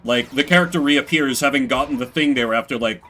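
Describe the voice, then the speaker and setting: A man with a mid-range voice talks quickly while streaming games, chatting casually with his viewers. He rambles through stories, retelling them with animation and acting out the quotes.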